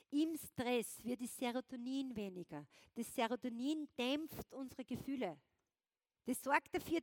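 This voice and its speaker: A high-voiced woman gives a motivational keynote from a stage. She talks with lively energy and keeps checking in with the crowd. The sound is dry and close, picked up by a clip-on wireless mic. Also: dry recording. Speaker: motivational speaker. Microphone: wireless clip-on transmitter.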